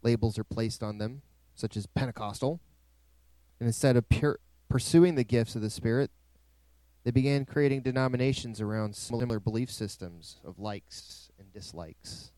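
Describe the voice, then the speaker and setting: A man's voice: mid-range voice, normal speed, mellow, no echo. A male pastor preaching a sermon in a dry, close recording, with emphatic rising swells.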